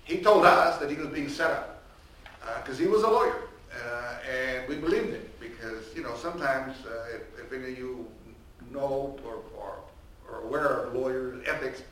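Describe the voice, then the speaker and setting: Speaking at a normal pace and medium pitch, the older professor addresses a panel unamplified, throwing his voice across a large echoing hall. His talk is conversational lecturing full of false starts and fillers, and the distant recording carries room echo, faint ambience, and slight noise.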